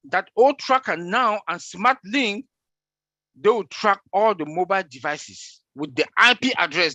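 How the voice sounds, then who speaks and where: An excitable man who repeats himself while answering questions in a casual online meeting. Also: high voice, no room sound. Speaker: presenter answering member questions.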